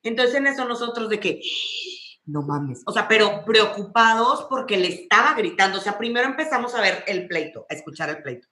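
A Mexican-accented woman tells animated, slang-heavy stories with a lot of swearing. Her voice is bright and forceful. The room adds a noticeable echo. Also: mid-range voice, fairly quick. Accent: Mexican Spanish. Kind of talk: casual chat.

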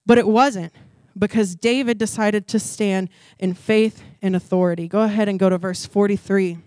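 A woman's voice: medium pitch, steady tone, moderate pace, a little mellow, no echo. A woman preaching a sermon in a conversational way, full of "like" and "y'all", rising into emphatic preaching at key points. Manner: conversational, often says "like" and "y'all". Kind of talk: youth sermon.

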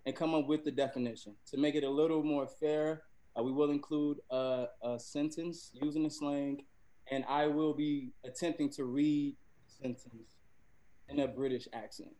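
A man's voice: fairly high pitch, fairly even intonation, normal speed, mellow. A man hosting a slang quiz game, polite and sheepish, often laughing at himself. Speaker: game segment presenter.

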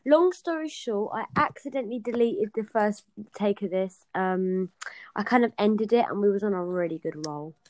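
A woman's voice: mid-range voice, lively intonation, moderate pace, a little mellow, no echo. A young woman, hosting a casual podcast chat and telling stories with giggles. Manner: chatty storytelling, giggly. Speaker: host.

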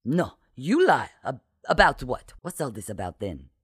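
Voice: medium pitch, sing-song, moderate pace, breathy edge, no echo, studio quality. Give me a blustering British-accented pirate captain man, as a storybook narrator voices him. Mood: flustered.

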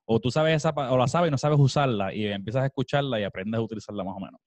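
A man's voice: mid-range voice, rapid-fire, darkish tone, no echo. A man from Puerto Rico with a Puerto Rican Spanish accent, hosting a casual podcast conversation and rambling with many restarts. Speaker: podcast host.

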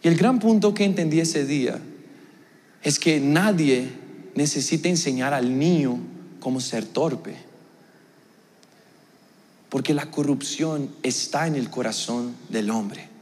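A man's voice: fairly high pitch, slow pace, pauses often. Earnest young male preacher in a hall. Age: young adult. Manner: earnest storytelling, shifts between raised emphasis and quiet reflection. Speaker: pastor. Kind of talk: sermon.

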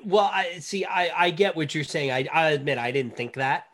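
A woman's voice: deep voice, normal speed, fairly bright tone. Sneezy woman teasing her sister. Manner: teasing, talks through a stuffy sneezy nose. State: sneezy from a cold. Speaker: podcast co-host. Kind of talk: casual chat.

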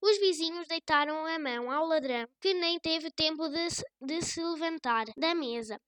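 A woman with a European Portuguese accent reading a children's story aloud in a gentle storybook manner. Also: high voice, moderate pace, no room sound, studio quality.

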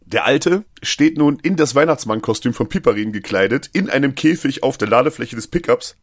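Husky man casually recapping a film. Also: medium pitch, lively intonation, a little fast, no echo, clean studio sound. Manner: retells scenes, acting out quotes with filler words. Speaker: podcast co-host.

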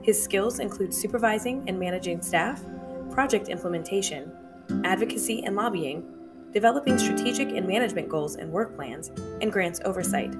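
A woman hosting a podcast, with a voice of middle pitch. She reads her scripted introduction in a clear, measured way. Guitar music plays clearly beneath her. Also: animated. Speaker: podcast host. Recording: music bed under the intro.

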